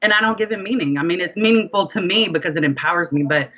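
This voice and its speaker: Speaking quickly in a voice on the low side, with the highs cut off, a woman rapper and singer tells stories during a casual interview. She's animated, playing out bits of conversation in quoted dialogue.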